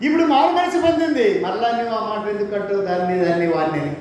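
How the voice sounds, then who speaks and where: A man's voice: high voice, very animated, rapid-fire, background noise. A man preaching a sermon, emphatic and repetitive, firing off rhetorical questions. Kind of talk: Telugu church sermon on Job. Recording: echoey church hall from far off.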